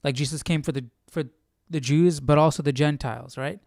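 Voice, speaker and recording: A man's voice: a little high, fairly even intonation, a little fast, gravelly, a little mellow, no echo, studio quality. A man hosting a casual Bible study stream, thinking aloud in a questioning way and often repeating and rephrasing himself as he reasons. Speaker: livestream Bible study host.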